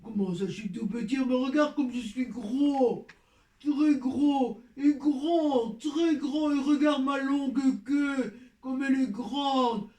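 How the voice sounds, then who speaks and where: Woman voicing a high-pitched, blustering little wolf cub. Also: slow pace, mellow. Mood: boastful. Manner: blustering, childish, stammers when challenged. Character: boastful little boy wolf playing big and bad. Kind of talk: theatrical children's storytelling. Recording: echoey room, distant from mic.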